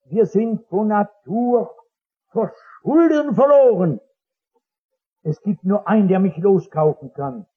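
A man preaching as a pastor before a congregation, telling stories fervently and acting out their dialogue. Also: high voice. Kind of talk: sermon. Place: church or hall before a congregation. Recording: dull lo-fi old recording.

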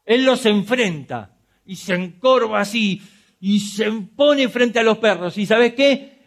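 Male Argentine preacher, high voice, animated sermon delivery. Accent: Rioplatense Spanish. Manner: animated, acts out boxers and referee, direct address to congregation.

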